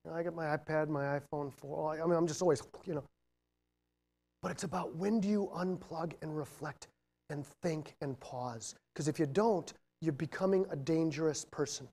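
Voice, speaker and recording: A middle-aged man giving a motivational leadership talk to students. He swings between loud, emphatic points and quiet, reflective asides, with jokey, self-deprecating humor. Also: fairly high pitch. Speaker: guest speaker on leadership. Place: university lecture room.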